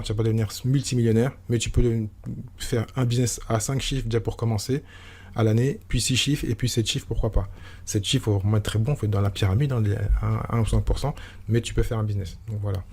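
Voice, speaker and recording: A man's voice: medium pitch, steady tone, quick pace, a little mellow, husky. A man hosting a solo podcast, talking informally and rambling with many restarts and fillers. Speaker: podcast host.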